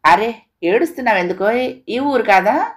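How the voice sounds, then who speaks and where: A woman voicing a kind middle-aged male schoolmaster in a spoken storybook, asking gentle, cheerful questions. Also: on the high side, expressive, normal speed, voice pushed up, lightly acted. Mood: reassuring.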